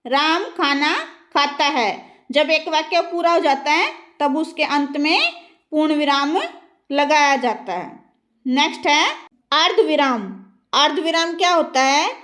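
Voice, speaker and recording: A woman's voice: high voice, measured pace, a bit bright. A young woman teaching a grammar lesson, posing questions to her students and answering them herself.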